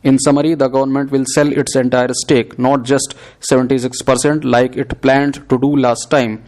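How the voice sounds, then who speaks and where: Man dictating in an even, flat tone. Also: mid-range voice. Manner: dictating, measured and steady, read aloud word by word. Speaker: shorthand dictation reader. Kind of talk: dictating prepared text for a shorthand exercise, scripted reading.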